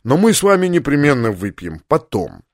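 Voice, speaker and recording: A man reading the part of a huge, calm male half-giant officer with a deep bass voice, gentle but firm. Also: moderate pace, no room sound, studio quality, lightly acted. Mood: soft firm.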